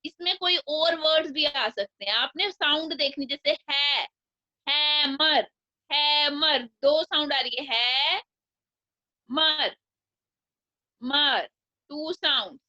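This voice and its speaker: A woman teaching an online English class to young children, with an Indian accent, slowly breaking words into their syllables. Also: high voice, pushed and bright. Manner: slow, breaks words into sounds. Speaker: primary school English teacher. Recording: dull lo-fi online class audio.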